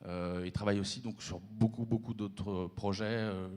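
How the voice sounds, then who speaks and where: Lowish-voiced man presenting haltingly. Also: fairly even intonation, a little mellow. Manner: halting, repeating words. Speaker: company representative, conference presenter. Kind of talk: informal conference presentation.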